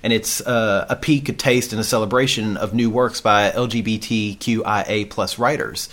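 A man's voice: lowish voice, fairly even intonation, normal speed, a bit bright, no echo. A man co-hosting a show in an informal, playful, sometimes sweary chat. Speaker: podcast co-host. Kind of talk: casual chat.

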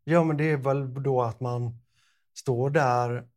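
A man's voice: mid-range voice, steady tone, darkish tone. A man co-hosting a podcast, talking in a playful, bantering way. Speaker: podcast co-host. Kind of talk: casual chat.

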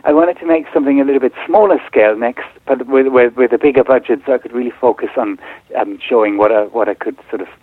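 A man's voice: medium pitch, fast, no echo. A man who grew up in Germany, a film director answering interview questions with many ums and restarts. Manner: hesitant, many fillers and restarts. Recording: tinny phone-like line.

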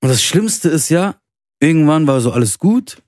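Animated young man telling a spooky story. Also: fairly high pitch, normal speed, no room sound, clean studio sound. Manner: animated, swears oaths, acts out quoted voices. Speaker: podcast host. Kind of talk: casual storytelling chat.

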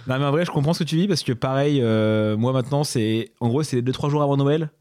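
A young man co-hosting a podcast, telling stories in a fast, chatty way with lots of fillers. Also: mid-range voice, darkish tone, no room sound. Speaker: podcast co-host. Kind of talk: casual chat.

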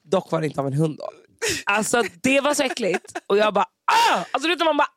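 A young woman telling stories in casual podcast chat, animated and full of fillers and gross-out exclamations. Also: mid-range voice, a little hiss or hum.

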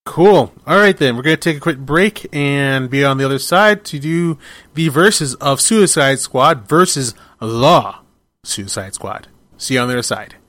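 A man in his forties hosts a casual podcast chat, rambling through animated stories and restarting his sentences often. His voice sits at an ordinary middle pitch, recorded dry and close with no room sound. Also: unhurried, no echo. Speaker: podcast host.

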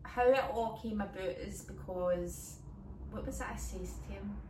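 A woman's voice: mid-range voice, unhurried, a little mellow, far from the mic, slight background noise. A Scottish woman co-hosting a comedy podcast, telling rambling stories and laughing often, recorded on a phone. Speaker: podcast co-host. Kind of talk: casual comedic chat. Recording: echoey room, phone held off-mic.

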